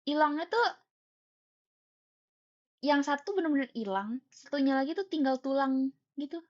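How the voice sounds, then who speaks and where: A young woman casually telling a story to her livestream viewers, animated, acting out the dialogue and jumping to high squeals when excited. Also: moderate pace. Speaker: idol livestream host. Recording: slightly dull lo-fi stream audio.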